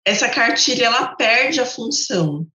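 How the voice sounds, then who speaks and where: A woman's voice: a little high, animated, moderate pace, pushed and bright. A woman with a Brazilian Portuguese accent, a literacy educator explaining ideas to teachers in a didactic way, repeating her points through contrasts. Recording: roomy, slightly dull sound.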